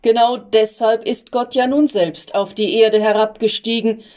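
Woman voicing a calm male archangel, patient, reassuring, slow, storybook. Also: a little high, natural voice. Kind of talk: storybook reading.

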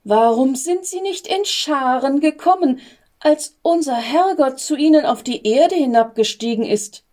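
A woman's voice: high-pitched, expressive, unhurried, darkish tone, voice pushed up. A woman voicing an anxious, tender-hearted young male angel in a storybook reading, with a fretful, pleading manner. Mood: worried.

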